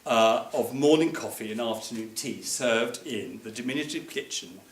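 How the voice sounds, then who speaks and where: A man's voice: medium pitch, normal speed. A man giving an anecdotal memorial speech at a reception, wry and often laughing as he digresses. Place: museum reception room. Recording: echoey room with background noise.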